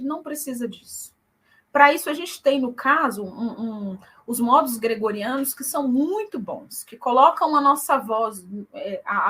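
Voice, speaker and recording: Young woman guest, earnest conversational tone, tag questions, high bright voice. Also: breathy edge. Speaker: guest, church singer. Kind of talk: conversational interview.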